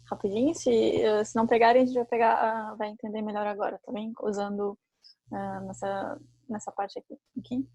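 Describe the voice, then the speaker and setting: Woman teaching French, husky. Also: mid-range voice, darkish tone, no echo. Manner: explains in Portuguese with French examples, corrects herself. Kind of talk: online language lesson.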